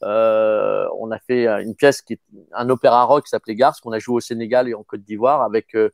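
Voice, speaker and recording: A man in his fifties, an actor talking casually in an interview, often halting and repeating words. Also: on the low side, steady tone, vocal fry, dry recording, studio quality. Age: 50s. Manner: halting, stammering repetitions. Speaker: actor guest.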